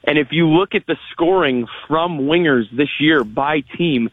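A man's voice: fairly high pitch, a little slow, dry recording. A male analyst talks through sports arguments in a conversational way, stammering over repeated words as he builds a point. He is on a slightly dull phone line, with no room sound. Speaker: hockey analyst guest. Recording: band-limited phone line on radio.

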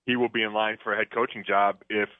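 A man's voice: fairly low pitch, little pitch movement, fast talker, no echo. A man discussing football on sports radio, talking conversationally with plenty of fillers and restarts. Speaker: football analyst. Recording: dry phone-line audio.

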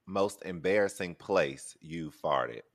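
An American man with a deep voice co-hosting a podcast, asking questions and trading anecdotes in casual chat. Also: slow. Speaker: podcast co-host.

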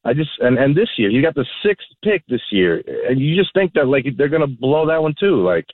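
A man calling a sports radio show over a phone line, talking casually in a halting, repetitive, exasperated way. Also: on the high side, big pitch swings, dry recording. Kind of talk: casual sports fan talk. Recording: narrow, tinny phone line.

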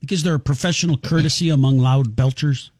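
A man's voice: mid-range voice, fairly even intonation, fast talker, darkish tone, dry recording, clean studio sound. A man co-hosting a radio show, asking casual, joking interview questions. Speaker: radio co-host.

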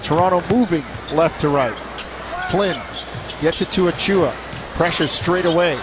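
At a measured pace and fairly high pitch, a man does live basketball play-by-play in clipped, short phrases. The recording picks up courtside arena sound, including the crowd and bouncing balls.

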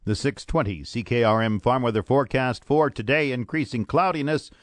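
A man's voice: mid-range voice, fairly quick, dry recording, clean studio sound. A man with a Canadian accent reading scripted market news and sponsor messages as a radio host.

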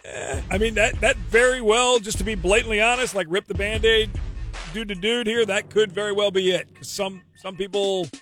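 A man's voice: high voice, steady tone, normal speed, a bit bright, soft background music. A man co-hosting a radio show, chatting candidly and cracking jokes. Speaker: radio co-host.

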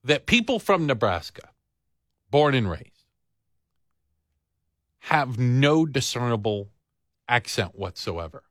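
A man's voice: mid-range voice, takes it slowly, long pauses, no room sound, studio quality. A man hosting a radio talk show, chatting casually and teasing his co-hosts. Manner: joking, animated, teasing. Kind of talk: casual chat.

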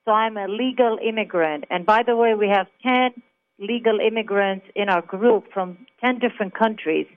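A woman from Israel calls in to a talk radio show, her medium-pitched voice moving at a normal speed over a tinny phone line. She's an emphatic, chatty storyteller giving a phone interview as a caller.

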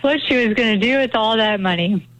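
A woman who works as a criminal defense attorney, speaking as a regular guest on a talk radio show in a chatty, animated way. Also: on the high side, dry recording, rough recording. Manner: chatty, animated, quick opinions.

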